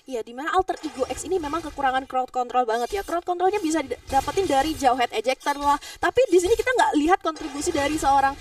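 A woman's voice: high voice, lively intonation, fast talker, hardly any pauses, a little hiss or hum. An Indonesian woman co-commentating a live esports match, adding analysis and emphatically repeating phrases. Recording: distant voice over loud game music. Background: game music.

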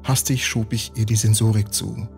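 A man reading a bedtime story as a calm, even storyteller. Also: fairly low pitch, moderate pace, gravelly, soft background music. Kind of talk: scripted bedtime story narration.

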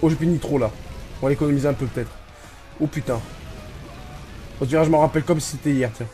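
Excitable swearing man, fairly high voice, casual gameplay commentary, game music behind. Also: fast. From France. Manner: excitable, swears a lot, self-mocking. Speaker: gaming YouTuber.

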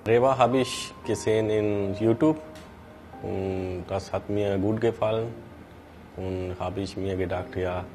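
A man from Germany giving a testimonial in simple, halting sentences in a small studio. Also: lowish voice, steady tone, background noise. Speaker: training course participant. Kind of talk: interview testimonial. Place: indoor studio with grey backdrop. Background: music bed.

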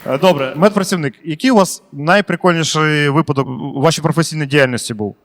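A man's voice: fairly high pitch, fast talker, long reverb tail. A male stand-up comedian doing crowd work in a comedy club, chatty and slangy, swearing freely.

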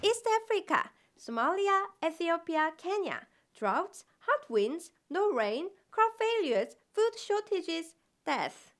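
A woman's voice: very high voice, very animated, slow, fairly bright tone, exaggerated voice. A young woman playing a parody news anchor, a breezily blunt weather girl who delivers clipped, theatrical lists. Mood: breezily dramatic. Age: young adult.

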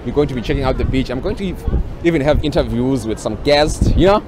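Outdoors on an open beach, a man in his twenties hosts a casual vlog, running playful, teasing interviews with a small handheld mic. His medium-pitched voice is animated and quick, and wind and ambient noise come through on the recording.

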